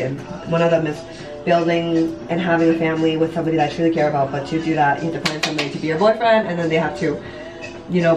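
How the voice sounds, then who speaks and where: Speaking in a lowish voice, a woman in her late twenties vlogs from her bathroom at home as she does her makeup, casually confessing things to her viewers. She works as a vlogger and online business coach, rambles a bit, often says "like" and "you know," and swears some. The sound is echoey, picked up by a camera a step or two away.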